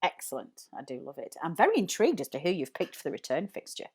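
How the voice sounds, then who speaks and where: A woman co-hosting a fan podcast, chatting playfully and teasing her partner between segments. Her voice is fairly low yet swings widely in pitch as she talks. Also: very animated, fast, slightly rough. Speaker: podcast co-host. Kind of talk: casual chat on a football fan podcast.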